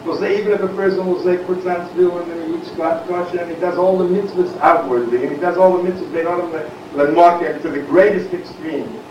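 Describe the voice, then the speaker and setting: A man's voice: high-pitched, steady tone, fairly quick, few pauses. A man giving a Torah lecture, explaining verses and asking rhetorical questions, often saying "we'll say" and "I mean". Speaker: Torah teacher. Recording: echoey, distant, dull and noisy.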